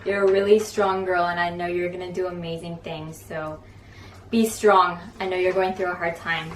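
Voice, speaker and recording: A woman's voice: on the low side, little pitch movement, normal speed. Chatty young woman vlogging in a roomy space. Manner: chatty, frequent "like" fillers. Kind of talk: casual vlog chat. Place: home, indoors. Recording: roomy echo, distant from mic, faint noise.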